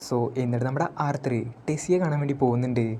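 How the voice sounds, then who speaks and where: A man casually recapping a comic, talking in a loose, colloquial way and often starting with "so". His voice is mellow and soft-edged, and a faint hum of background noise sits behind it. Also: mid-range voice, quick pace. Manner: colloquial retelling with frequent filler "so".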